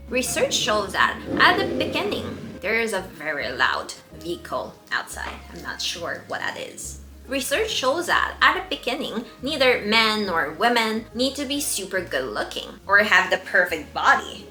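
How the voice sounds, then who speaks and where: A woman's voice: mid-range voice, sharp tone. A young adult woman presenting a scripted advice video as host, speaking confidently and directly to the viewer.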